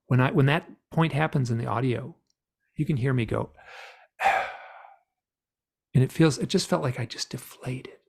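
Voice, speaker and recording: Middle-aged male guest, gravelly, mid-pitched, rambling animated storyteller. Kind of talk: storytelling interview.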